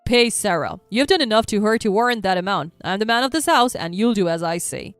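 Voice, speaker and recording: A woman's voice: medium pitch, steady tone, a little fast, a little mellow, smooth, no room sound, soft background music, natural voice. A woman voicing a remorseful father-in-law in a storybook reading, who speaks in a grave, firm manner.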